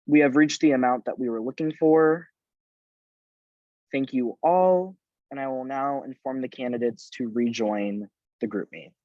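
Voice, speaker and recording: Brief: male meeting chair, measured and procedural, dry muffled video-call sound. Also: mid-range voice, dry recording. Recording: dull lo-fi video call audio.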